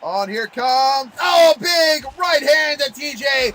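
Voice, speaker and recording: A man calling play-by-play as a wrestling commentator, excitable and exclamatory in his delivery. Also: very high-pitched, slow, raised voice, slight background noise.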